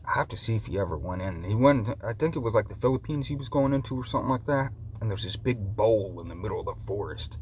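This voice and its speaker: A man with a fairly low voice talks in a casual, meandering vlog style. He drifts along loosely and repeats phrases as he goes. There is some noise behind him. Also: lively intonation, fast talker, few pauses. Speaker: vlogger. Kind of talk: rambling casual chat to viewers. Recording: noticeable background noise.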